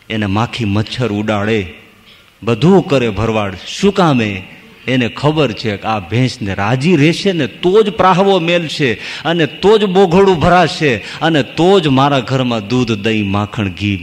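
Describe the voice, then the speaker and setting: A man, a monk giving a devotional sermon, telling folk stories and reciting verses. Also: lowish voice. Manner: storytelling with folk verses and acted asides. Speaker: monk preacher. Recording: long hall reverb.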